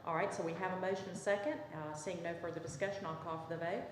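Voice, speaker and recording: A woman mayor with a Southern US accent, calmly chairing a city council meeting and calling votes. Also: fairly low pitch, fast. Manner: procedural, calm, calls votes. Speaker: mayor presiding over council. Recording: echoey council chamber, faint noise.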